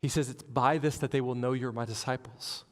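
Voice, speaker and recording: A man preaching a sermon as pastor, animated, acting out the people in his stories. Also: medium pitch, brisk, in a large hall. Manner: animated storytelling with acted-out quotes. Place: church hall.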